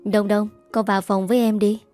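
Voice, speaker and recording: A woman's voice: medium pitch, flat delivery, fairly quick, a little mellow, faint music behind, natural voice. A woman voicing a stern, reserved young father in a spoken story, firm and clipped. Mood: calm.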